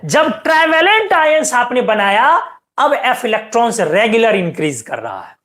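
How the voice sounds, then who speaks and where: High-voiced woman teaching chemistry. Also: big pitch swings, moderate pace, a bit bright. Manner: explains step by step, asks students frequent questions; keeps urging students to pay attention. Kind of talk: classroom lecture.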